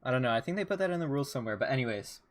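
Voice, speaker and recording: A man hosting and commentating a gaming tournament stream in a relaxed, chatty way with many fillers. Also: medium pitch, very fast. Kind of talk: casual esports commentary.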